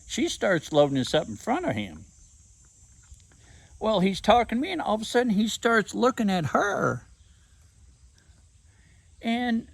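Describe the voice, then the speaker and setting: Man, slightly high and raspy-gravelly, lively swinging pitch, unhurried profane storytelling rant. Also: low-quality recording. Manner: profane, rambling, drawn-out delivery. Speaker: vlogger.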